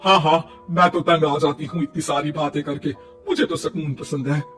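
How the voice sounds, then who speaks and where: A man's voice: a little high, little pitch movement, normal speed, fairly bright tone, close to an everyday voice. A man voicing a boastful, jealous older mother-in-law in a cartoon story. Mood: haughty. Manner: boastful, snappy. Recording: distant mic, faint music.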